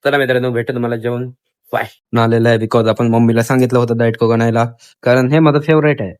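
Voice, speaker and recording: A man's voice: mid-range voice, little pitch movement, quick pace, darkish tone, clear, resonant tone. A young man with a Marathi accent, chatting casually to his viewers in a daily vlog. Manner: chatty, addresses viewers as friends. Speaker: vlogger.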